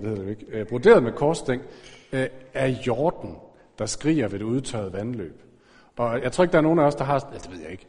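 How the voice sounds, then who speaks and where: A man's voice: medium pitch, darkish tone. Danish man preaching in a reverberant hall. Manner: conversational, with frequent fillers and self-corrections. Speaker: pastor. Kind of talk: sermon.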